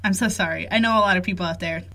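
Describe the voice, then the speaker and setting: A woman's voice: on the low side, very fast, sharp tone. Playful woman podcasting from under blankets. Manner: playful, self-deprecating banter. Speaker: podcast co-host. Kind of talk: casual joking podcast chat. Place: small blanket fort indoors, recorded under blankets.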